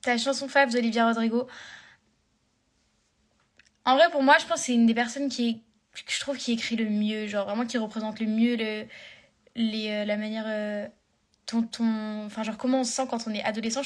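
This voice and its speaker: A young woman talks to fans on a live phone stream. Her voice sits fairly high, and she rambles along with lots of fillers and restarts. The chat stays casual and loose throughout. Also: fairly even intonation, fairly quick.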